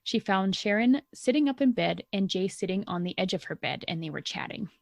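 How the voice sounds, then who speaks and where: A young adult woman recounts a true-crime case in a loose, chatty podcast style. She is blunt and indignant and swears freely, and her voice sits at an ordinary pitch. The sound is dry and close. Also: animated, brisk, creaky, no room sound. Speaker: podcast co-host. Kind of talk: casual true-crime storytelling.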